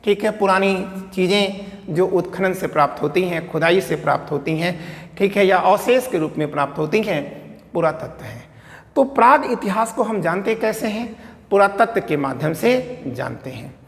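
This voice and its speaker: A man's voice: sits high, animated, normal speed, vocal fry, long reverb tail. A man teaching a history lesson. He asks questions aloud, answers them himself, and keeps checking in with his students. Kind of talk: classroom lecture.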